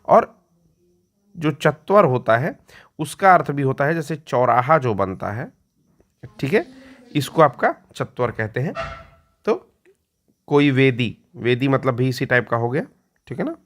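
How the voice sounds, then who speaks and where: A male teacher giving an exam-prep lecture. He explains patiently, repeats key words slowly and often clears his throat. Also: medium pitch, very animated.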